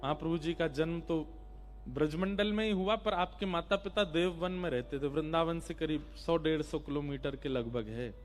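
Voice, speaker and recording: A man's voice: fairly high pitch, moderate pace, faint music behind. A man telling a devotional story sermon, emphatic and addressing the listeners directly. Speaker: kathavachak storyteller-preacher.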